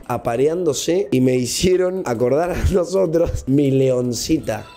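A man's voice: mid-range voice, unhurried, warm tone, soft background music. A young man with an Argentine accent chatting casually on a live stream, joking playfully and reading out messages. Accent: Argentine Spanish.

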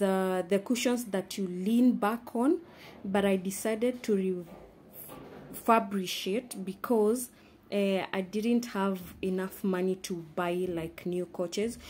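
A woman's voice: medium pitch, a little mellow, slightly rough. A young Kenyan woman giving a casual tour of her small studio apartment, chatting with many fillers while filming on her phone. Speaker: vlogger. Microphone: handheld phone camera, speaker off screen.

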